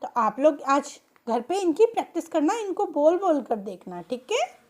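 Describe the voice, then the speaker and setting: A woman's voice: sits high, sing-song, moderate pace, darkish tone. A woman teaching young children a grammar lesson, patiently asking questions and answering them herself. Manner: patient, coaxing, calls pupils "beta", asks and answers own questions.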